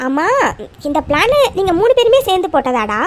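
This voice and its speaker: A woman's voice: very high-pitched, sing-song, fairly quick. A woman voicing a cheerful, teasing old grandmother in a cartoon who scolds her grandsons fondly. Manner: fond scolding, calls everyone by affectionate nicknames. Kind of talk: cartoon voice acting.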